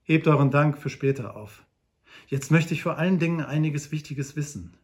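A man's voice: on the high side, moderate pace, natural voice. A man voicing a great hunter who speaks firmly and with command in an audiobook. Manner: firm, commanding. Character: great commanding male hunter, calm and firm.

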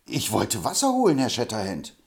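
A man's voice: medium pitch, wildly swooping pitch, normal speed, creaky. A man reading an audiobook, voicing a fussy, self-important older music teacher with a pompous way of talking.

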